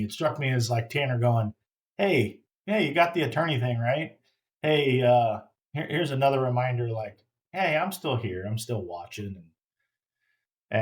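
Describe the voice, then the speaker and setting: Man, middle-aged, casual storyteller, halting, repeats words, reflective, plain mid pitch. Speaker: grieving father telling his story. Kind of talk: casual spoken personal story.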